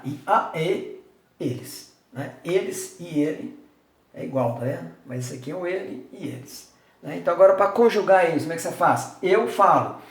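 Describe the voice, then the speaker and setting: A man giving a casual video lesson on an old native language, talking informally and repeating words as a drill. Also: on the high side. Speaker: Tupi language teacher. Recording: echoey room.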